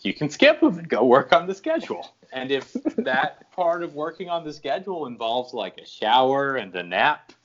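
Laughing, lively-voiced man hosting. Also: mid-range voice, normal speed, few pauses. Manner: jokey and laughing. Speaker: podcast host. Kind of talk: casual chat. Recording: dull lo-fi sound.

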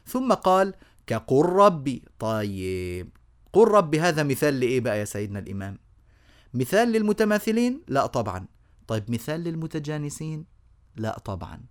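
A male tajweed teacher speaks, and his voice swings widely up and down in pitch. He asks his listeners questions, answers them himself, and drags out each example slowly so it is clear. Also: big pitch swings. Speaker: Quran recitation teacher. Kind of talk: recorded lecture on tajweed rules.

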